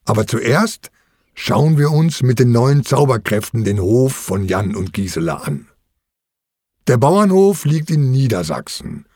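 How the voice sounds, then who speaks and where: A man's voice: mid-range voice, darkish tone, dry recording, clean studio sound. A man narrating a children's audio story as the children's uncle, in a storytelling manner.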